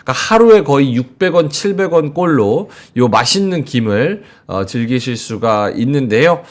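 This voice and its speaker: A male anchor of a live market show, reading a brisk product pitch between chat with his guests. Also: sing-song.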